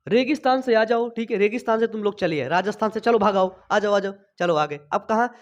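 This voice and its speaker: Young male biology tutor, high-pitched, chatty, pacing himself after a cough. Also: a little fast. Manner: chatty, checks in constantly with "thik hai". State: recovering from a cough, speaking slowly. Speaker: biology teacher. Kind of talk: online class lecture. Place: small home studio. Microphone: sensitive desk mic.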